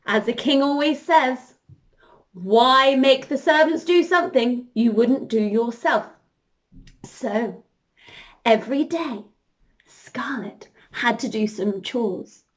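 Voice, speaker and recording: Speaking in a fairly high, slow voice, a woman plays a princess entertainer and tells young children an interactive story. She addresses them directly, animated and encouraging.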